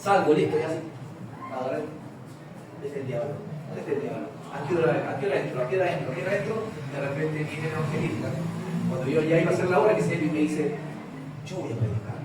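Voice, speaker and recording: A man's voice: on the high side, quick pace. A man preaching a sermon with passion, telling stories and acting out the dialogue, recorded from a distance in a large church hall. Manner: impassioned, storytelling with quoted dialogue. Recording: echoey distant hall sound with ambient noise.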